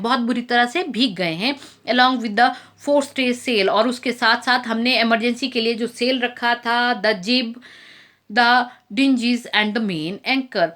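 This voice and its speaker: Slightly high woman teacher explaining a text. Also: a bit bright. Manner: reads English lines slowly, then explains each word. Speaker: English teacher. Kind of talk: explaining an English text in Hindi.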